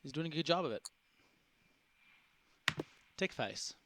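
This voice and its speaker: A man giving measured, explanatory analysis of a poker match, with frequent ums. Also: fairly high pitch, expressive, background noise. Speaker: analyst commentator.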